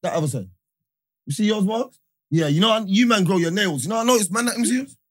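A man with a London accent chatting casually in roadman slang, boisterous and quick to jump in during group banter. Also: high voice, animated. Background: group of men talking over each other.

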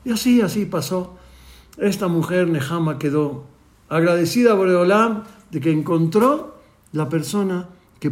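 Man telling a story. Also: a little high. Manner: lively retelling with quoted dialogue and many restarts. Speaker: rabbi. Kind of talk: storytelling talk.

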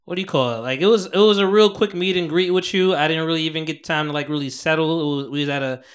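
A young man hosting a podcast in a small home studio, talking in loud, joking, slangy banter and laughing often. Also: on the high side, fast talker. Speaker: podcast host. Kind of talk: casual chat.

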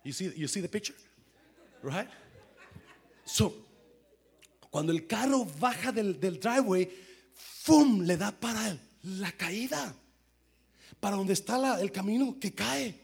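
A middle-aged man, a pastor, telling a story in a sermon with lively sound effects and English phrases mixed in. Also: high voice, unhurried, vocal fry, pauses often, breathy edge.

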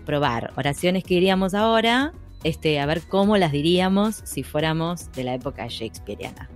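A woman's voice: sits low, lively intonation, moderate pace, soft background music. A woman with a Rioplatense Spanish accent, co-hosting a casual chat, playful and laughing often. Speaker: podcast co-host.

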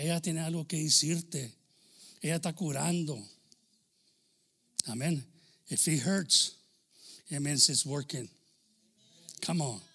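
A man's voice: medium pitch, creaky, pushed and bright, slightly rough. A man preaching a chatty, informal sermon, telling stories and asking the congregation questions, now and then slipping into English phrases.

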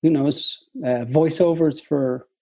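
A man's voice: on the high side, steady tone, slow, mellow, breathy edge. A man chatting casually as a podcast co-host, easygoing, laughing along and riffing on jokes. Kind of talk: casual chat.

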